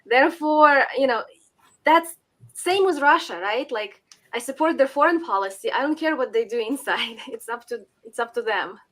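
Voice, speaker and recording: A woman's voice: high voice, animated, normal speed, a bit bright. A woman from Ukraine, talking frankly as a podcast guest and laughing between points. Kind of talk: casual podcast talk.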